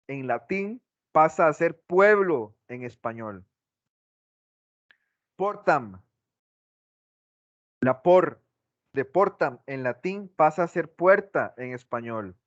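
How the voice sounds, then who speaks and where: A man's voice: a little high, no room sound. A male teacher giving a class lecture, asking the class questions and repeating his examples, on a dull lo-fi recording.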